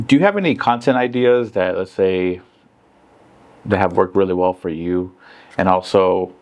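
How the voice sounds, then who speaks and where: Low-voiced male podcast host. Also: moderate pace, muffled recording. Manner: chatty, agreeable, laughs often. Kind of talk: casual podcast conversation.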